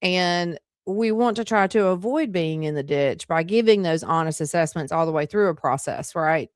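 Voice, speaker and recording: A woman's voice: lowish voice, expressive, normal speed, dry recording, clean studio sound. A woman hosting a casual interview, chatty and peppered with fillers. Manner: chatty, with frequent "like" and "you know" fillers. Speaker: host.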